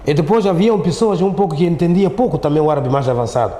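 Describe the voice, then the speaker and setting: This is a fast-talking, expressive man with a fairly high pitch and warm tone: a middle-aged Mozambican-accented Islamic teacher guesting on an interview. His recounting is conversational, full of repetition and closing tag questions. Recorded in an echoey studio, it has roomy echo and faint background noise.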